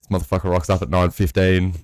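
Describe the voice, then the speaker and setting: A man's voice: deep voice, little pitch movement, fast, a little mellow, no room sound, clean studio sound. A young man casually telling a rambling, sweary story on a podcast. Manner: sweary, rambling, laid-back. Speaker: podcast co-host.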